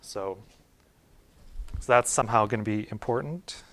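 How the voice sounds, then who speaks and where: A man's voice: lowish voice, moderate pace, fairly bright tone. A man lecturing a university class in a loose, informal way, thinking aloud with many fillers, restarts and "right?" checks. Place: lecture room.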